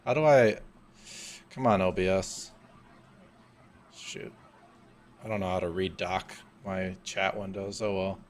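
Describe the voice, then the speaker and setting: A man's voice: low-pitched, steady tone, measured pace, pauses often. A young man hosting a live coding stream, chatting casually, thinking aloud and laughing often.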